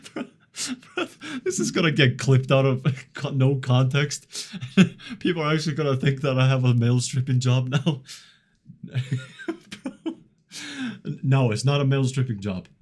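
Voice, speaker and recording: A man in his early twenties chatting casually on a live stream, reading chat and laughing often in a relaxed, rambling way. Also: medium pitch, a little slow, pauses often. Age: 20s. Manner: laid-back, chuckles often, filler-heavy rambling.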